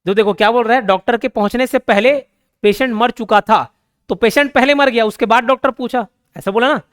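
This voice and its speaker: High-voiced teacher with a Hindi accent. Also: male voice, fairly bright tone, clear, resonant tone. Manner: explains patiently, repeats key points, reads English example sentences slowly. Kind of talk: grammar lesson.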